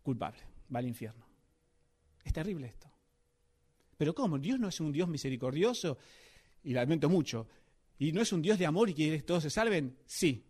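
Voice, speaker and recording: A man's voice: a little high, sing-song, normal speed, pauses often, a little mellow, slightly rough. A man preaching a sermon, emphatic and often asking his listeners questions. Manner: emphatic, asks the audience questions.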